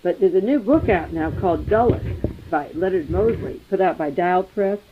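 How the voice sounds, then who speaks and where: A man's voice: sits high, moderate pace, background noise. A man delivering a rambling, speculative monologue as a commentator, thinking aloud with many fillers and asides. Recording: dull lo-fi archival recording.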